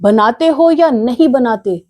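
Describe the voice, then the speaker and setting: A woman voicing a naughty, hot-tempered little male rat in a storybook tale, bossy and boastful, with slow sing-song threats. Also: a little high, lively intonation, warm tone. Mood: cheeky, bossy.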